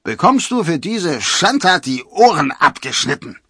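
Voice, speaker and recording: A man voicing a pompous male forester who stutters loudly. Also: fairly high pitch, very animated, measured pace, breathy edge, no echo, clean studio sound, pitched above the performer's own voice, heavily acted.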